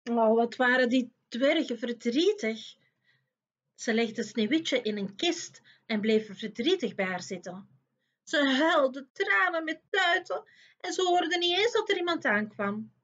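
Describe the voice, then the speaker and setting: A woman reading a fairy tale aloud for children in a slow, expressive way. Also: high voice, highs cut off. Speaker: storyteller.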